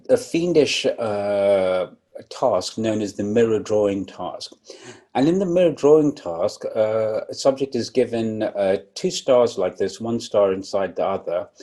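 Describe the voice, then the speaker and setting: A man's voice: fairly low pitch, dark tone. A man giving a public lecture, explaining plainly with frequent ums and restarts, with a throat lozenge in his mouth. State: coughing, sucking a throat lozenge.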